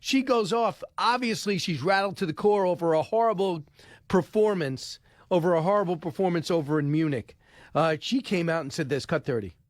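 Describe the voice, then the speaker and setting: Middle-aged guy hosting talk radio, kinda high voice, bone dry mic, fired up commentary. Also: no room sound. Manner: animated, indignant, quick asides. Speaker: radio host. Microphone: studio microphone.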